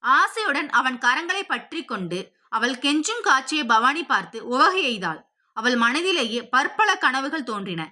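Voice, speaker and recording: Bright high-voiced woman storyteller. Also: big pitch swings, a little slow. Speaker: audiobook narrator. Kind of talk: scripted story narration.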